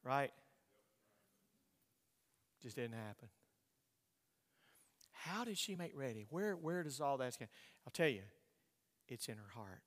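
Emphatic male preacher with a bright voice. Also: medium pitch, very animated, slow pace, pauses often, long reverb tail. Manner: emphatic, repeats words, asks rhetorical questions. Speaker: pastor. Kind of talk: sermon.

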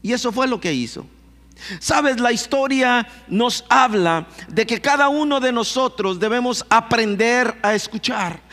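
Speaking unhurriedly in a very high, pushed, bright voice, a pastor delivers a sermon to a congregation. He tells a story and asks the people questions, and the church hall gives the recording a long reverb.

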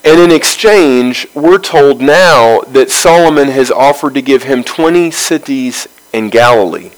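Male Bible study teacher, mid-pitched, reads a verse then unpacks it, measured phrasing with pauses. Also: low-quality recording. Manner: reads scripture aloud, then explains it verse by verse.

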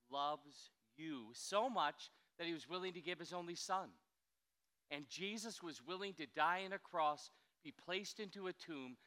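Pastor's voice in cathedral echo. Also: male voice, a little high, sharp tone, smooth. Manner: measured, reverent delivery with slow pauses. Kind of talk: leading a communion liturgy. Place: church sanctuary. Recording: long cathedral-like reverb.

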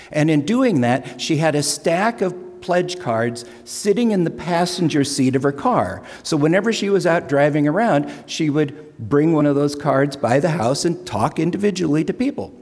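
A man's voice: on the high side, a little mellow. Older man telling folksy jokes in church. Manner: folksy joke-telling, self-deprecating asides. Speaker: lay speaker for stewardship drive. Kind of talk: humorous church announcement with jokes. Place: church sanctuary. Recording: long church reverb.

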